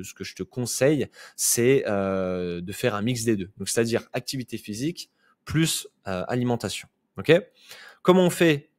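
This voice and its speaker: Homme coach sportif, ton familier et direct. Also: male voice, fairly low pitch. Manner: chatty, direct, addresses viewer informally with frequent "ok?". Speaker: fitness and nutrition coach. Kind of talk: casual explanatory video talk.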